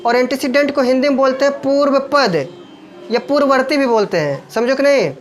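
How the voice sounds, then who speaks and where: A man teaching English grammar in with a lilt, who keeps checking the class with quick questions. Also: extremely high pitch, rough recording.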